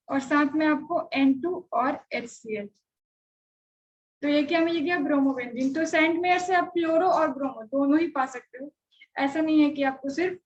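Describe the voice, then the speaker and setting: A high-voiced woman teaches a chemistry lesson and keeps stopping to ask her students whether anything is unclear. The sound is dull and lo-fi. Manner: conversational, checks on students often. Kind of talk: live online class lecture.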